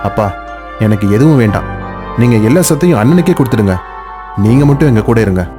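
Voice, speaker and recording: A man's voice: medium pitch, animated, fast, lightly acted. A man voicing an earnest, selfless younger brother. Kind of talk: cartoon voice acting. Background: background music.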